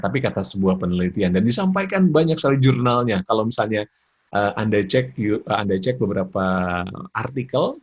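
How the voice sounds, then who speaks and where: A man giving an expressive parenting lecture, laughing often and acting out examples. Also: mid-range voice, slightly rough, muffled recording. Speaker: parenting speaker.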